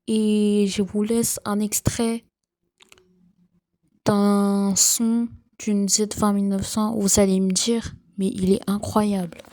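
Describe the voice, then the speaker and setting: Slow, mellow young woman with morning voice. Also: medium pitch, level tone. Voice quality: sleepy morning voice. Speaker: train enthusiast vlogger. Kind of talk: casual FAQ vlog talk.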